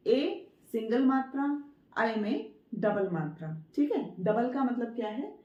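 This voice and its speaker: A woman teaching a writing lesson, patient and repetitive, stretching words out slowly syllable by syllable to show how they sound. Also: a little high, very animated, mellow, reverberant, highs cut off. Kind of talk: Hindi dictation lesson.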